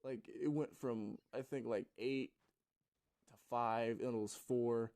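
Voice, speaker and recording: A man's voice: mid-range voice, steady tone, slow pace, a little mellow. A man, a gaming YouTuber, rambling through a casual story with loose swearing and plenty of fillers.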